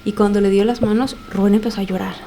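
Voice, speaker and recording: A woman's voice: mid-range voice, steady tone, fast talker, dark tone, a little hiss or hum. A young woman, casually telling a personal story on a podcast and acting out what people said with repeated phrases. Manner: retells events with many quoted lines, repeats phrases.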